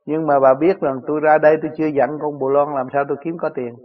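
A man's voice: a little high, level tone, fast talker, narrow, tinny audio. A man with a Southern Vietnamese accent, a spiritual teacher answering his disciples' questions in plain, chuckling stories. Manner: chuckling, plain-spoken storytelling.

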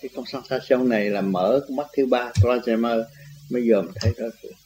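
Over background noise, a man with a mid-range voice gives an informal spiritual teaching at a fairly quick pace. This religious teaching talk rambles and repeats itself, and he laughs now and then.

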